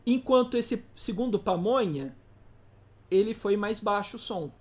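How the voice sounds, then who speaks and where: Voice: mid-range voice, lively intonation, measured pace. An instructor giving a casual live class, informal and slangy, often putting rhetorical questions to the audience. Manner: slangy, playful teaching asides.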